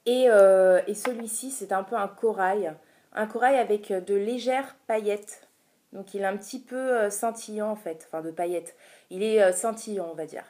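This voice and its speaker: A woman's voice: medium pitch, normal speed, dark tone. A woman casually talking through a beauty haul vlog, chatty and hesitant, with many filler sounds. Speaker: beauty vlogger.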